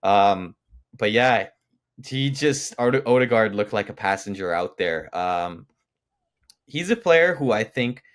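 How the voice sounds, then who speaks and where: A young man with a very low, deep voice co-hosts a football podcast. He rambles emphatically, piling up fillers and restarts in casual sports chat. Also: animated, slow pace.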